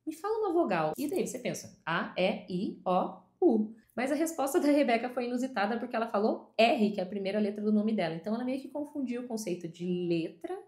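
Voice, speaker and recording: A woman with a Brazilian Portuguese accent explains a language point in a video lesson, speaking patiently and clearly and drawing out example words slowly. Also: a little high, expressive, darkish tone. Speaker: English teacher. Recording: roomy echo.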